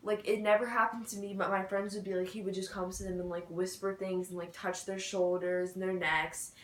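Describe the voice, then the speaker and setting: A woman's voice: medium pitch, little pitch movement, a little fast, reverberant, slight background noise, poor audio. A teenage girl telling a story in a casual vlog chat, full of "like" fillers. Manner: chatty, many "like" and "so, yeah" fillers. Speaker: vlogger.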